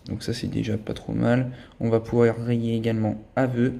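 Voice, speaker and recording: A man's voice: medium pitch, little pitch movement, moderate pace, vocal fry, mellow. A man giving a casual running commentary as he scratches lottery tickets, thinking aloud as he checks each symbol and letter. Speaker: scratch-card vlogger.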